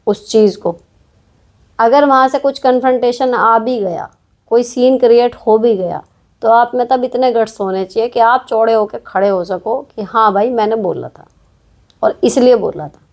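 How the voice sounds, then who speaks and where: A woman's voice: on the high side, normal speed, a little mellow. Frank, chatty woman giving advice. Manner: direct, frank, chatty, with frequent tag questions. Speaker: host answering viewer questions. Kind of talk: casual advice talk.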